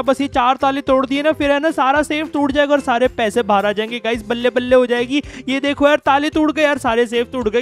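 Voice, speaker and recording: Excitable high-voiced gaming commentator. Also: male voice. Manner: excitable, addresses viewers as guys. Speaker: gaming YouTuber. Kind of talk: casual gameplay commentary.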